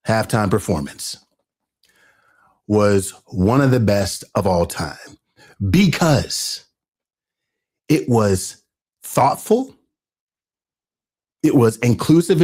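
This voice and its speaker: A man hosting an earnest, conversational commentary, growing animated as he talks. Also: mid-range voice, breathy edge. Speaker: host. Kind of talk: casual commentary.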